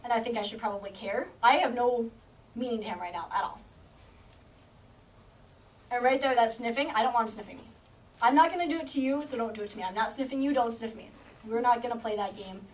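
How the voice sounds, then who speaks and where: Confident woman trainer heard from afar. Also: a little high. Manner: confident, explains with quick acted-out dog thoughts. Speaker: shelter animal trainer. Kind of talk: teaching a group of volunteers. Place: indoor room at an animal shelter. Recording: distant camera mic, faint noise.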